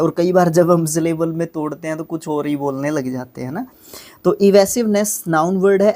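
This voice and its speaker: A man's voice: on the high side, darkish tone. Patient male English vocabulary teacher. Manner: explains patiently with constant tag questions; sounds out words slowly by syllable. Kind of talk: vocabulary lesson.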